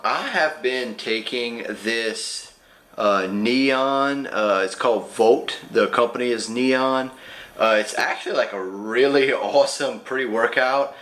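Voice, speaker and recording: A young man talking quickly and chattily to the camera as a fitness vlogger. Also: mid-range voice, pushed and bright. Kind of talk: casual vlog talk. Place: gym.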